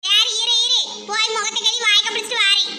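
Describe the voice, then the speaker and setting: A woman's voice: very high-pitched, level tone, fast, over music. A woman with a Tirunelveli Tamil accent, voicing cartoon comedy in a teasing, bickering way. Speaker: voice actor. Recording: loud background noise.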